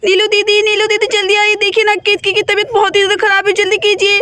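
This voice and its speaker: A woman's voice: very high voice, completely flat delivery. Woman voicing an anxious, hurrying young neighbour. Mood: hurried worried. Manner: hurried and worried.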